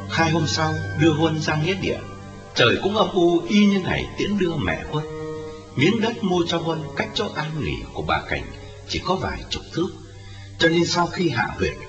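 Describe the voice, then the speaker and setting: A man's voice: mid-range voice, recorded from a distance. A man narrating a scripted audio story in a dramatic way. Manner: dramatic, widely varied intonation. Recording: echoey reverberant audio story with music, slightly dull. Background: music.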